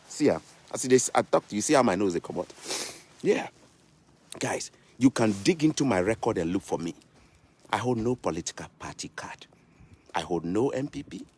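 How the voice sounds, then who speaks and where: A man's voice: lowish voice, lively intonation, moderate pace, darkish tone, breathy edge. A man in his thirties with a Ghanaian English accent, ranting to the camera in a vlog and firing off repeated rhetorical questions like a preacher. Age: 30s. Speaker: vlogger. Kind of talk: impassioned political rant to camera. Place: outdoors in snow.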